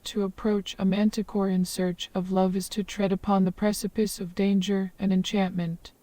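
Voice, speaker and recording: A woman's voice: medium pitch, flat delivery, normal speed, mellow, no echo, lightly acted. Ai woman voice doing a long-winded old hermit lady, ornate talk, dry sound, kinda far from the mic. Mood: calm, flowery. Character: wise old hermit woman of the forest, flowery.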